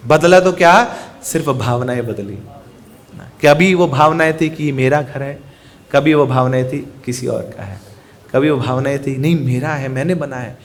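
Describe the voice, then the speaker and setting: A man's voice: mid-range voice, a little slow. A male preacher giving a sermon, telling a story with animation and drawing a moral from it.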